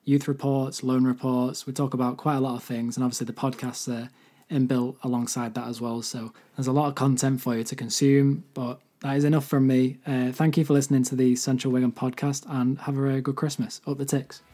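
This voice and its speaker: A hoarse man whose voice has mostly gone hosts a football podcast alone, speaking briskly in a mellow, dark, flat tone with little pitch movement. He shares his opinions earnestly, like a devoted fan.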